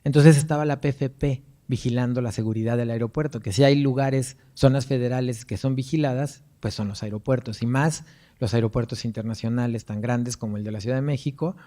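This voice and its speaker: A man's voice: mid-range voice, fairly even intonation, fairly quick, dark tone. A man with a Mexican accent giving a lecture, telling anecdotes in a chatty way with frequent tag questions. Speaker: guest lecturer, performance artist.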